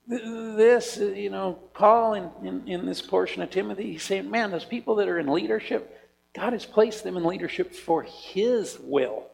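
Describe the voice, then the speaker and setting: Animated high-voiced preacher in a reverberant hall. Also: male voice, gravelly. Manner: conversational and animated, with rhetorical questions. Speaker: pastor. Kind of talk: sermon. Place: church sanctuary.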